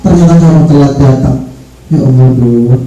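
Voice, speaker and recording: A man's voice: medium pitch, moderate pace, highs cut off. A man leading a teachers' workshop, joking and laughing often as he acts out classroom examples for his audience. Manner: playful, laughs often, addresses audience as ladies and gentlemen. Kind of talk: workshop presentation with role-play examples. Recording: roomy echo, distant mic, faint music.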